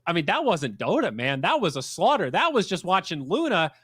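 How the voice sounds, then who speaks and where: A man casting a live esports match, talking quickly with animated, playfully sarcastic energy. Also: high-pitched, husky, no room sound, studio quality. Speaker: esports caster.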